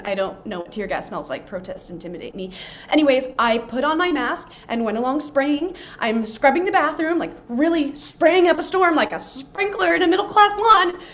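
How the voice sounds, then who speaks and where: An actress playing an anxious young cleaner who rambles nervously in a stage play. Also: female voice, fairly high pitch, fairly bright tone. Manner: rambling, nervous, self-conscious.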